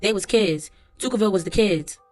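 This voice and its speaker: Reading a court transcript aloud, a woman voices a young male witness in an unhurried, plain delivery thick with street slang. Her medium-pitched voice is a little mellow and only lightly acted, with faint music playing behind her.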